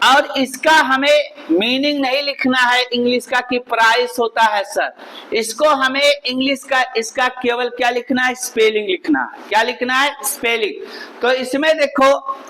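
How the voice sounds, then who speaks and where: A man's voice: very high voice, steady tone, normal speed, bright, forceful tone, low-quality recording. A male teacher, giving a spelling lesson and drilling the class with repeated questions and answers.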